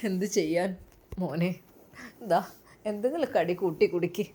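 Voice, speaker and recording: A woman's voice: fairly low pitch, moderate pace, warm tone, husky. A woman voicing a kindly, devout older mother who speaks tenderly and soothingly, with a Malabar Malayalam accent.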